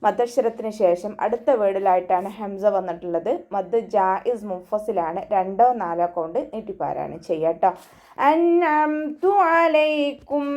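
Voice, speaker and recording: Malayali lady teaching tajweed, calm explaining then slow chanted verses, mid voice. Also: mid-range voice. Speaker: Quran recitation teacher. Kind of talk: tajweed lesson with chanted recitation.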